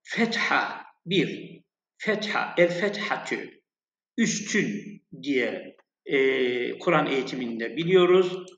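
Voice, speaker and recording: A man teaching an Arabic lesson, slowly and patiently spelling out letters and vowel sounds for his students. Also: medium pitch, expressive, fairly bright tone. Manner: slow, patient, repeats sounds and addresses students as friends. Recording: echoey, dull lo-fi room sound.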